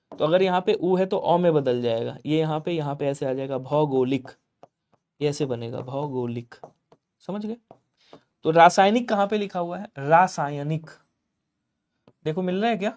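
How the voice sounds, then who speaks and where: A man teaching a live online exam-prep class, lively and coaxing students to answer, with sudden loud emphasis. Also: fairly high pitch.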